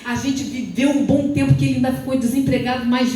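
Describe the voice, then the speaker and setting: High-voiced woman preaching in an echoey church. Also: quick pace. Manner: animated storytelling, rising to fervent exhortation. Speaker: wife giving testimony at couples' service. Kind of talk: testimony and preaching. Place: church hall. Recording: very echoey hall, distant mic, faint hiss.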